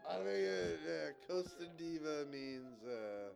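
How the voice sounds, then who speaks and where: A man's voice: on the high side, animated, takes it slowly, vocal fry, a little mellow, faint music behind. A man co-hosting a podcast, trading crude, profane jokes in casual banter. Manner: joking, profane, breaks into song. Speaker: podcast co-host.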